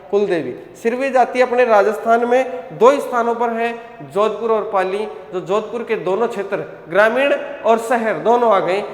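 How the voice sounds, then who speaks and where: A male teacher giving an online coaching lecture, drilling his students with repeated questions and answers and calling them "beta". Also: high voice. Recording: echoey hall sound.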